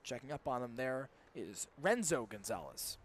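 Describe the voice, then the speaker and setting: During a live game at the ballpark, a young male radio announcer delivers play-by-play at a moderate pace. His mid-range voice is very animated, and the broadcast carries clear background noise from the crowd and field.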